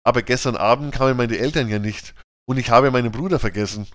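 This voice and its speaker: A man's voice: medium pitch, fast, fairly bright tone, lightly acted. A man voicing an impulsive girl who speaks urgently as she explains herself.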